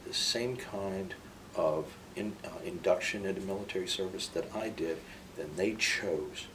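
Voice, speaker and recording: Older man, veteran reminiscing, low voice, emphatic and opinionated, distant mic, clear background noise. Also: moderate pace. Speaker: interviewee, military veteran. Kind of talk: reminiscing in an interview. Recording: distant microphone, clearly noisy room.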